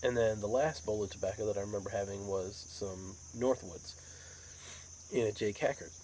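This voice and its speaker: American male hobby vlogger, lowish voice, unhurried rambling chat, crickets and outdoor noise behind. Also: mellow, low-quality recording. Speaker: pipe tobacco vlogger. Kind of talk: casual rambling monologue.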